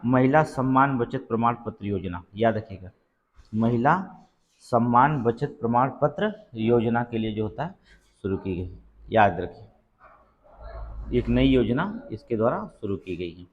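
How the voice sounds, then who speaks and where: A man's voice: mid-range voice, animated, a little slow, narrow, tinny audio, a little hiss or hum. A man teaching an exam-prep lesson, reading out quiz questions and repeating each answer with frequent check-ins. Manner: reads questions then repeats answers, many "theek hai" checks.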